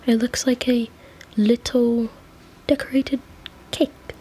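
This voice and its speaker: A woman voicing a gentle, fussy male angel bookseller in a whispered role-play, soft and stammering with endearments. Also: a little high, little pitch movement, slow, breathy edge, pitched above the performer's own voice. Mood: doting.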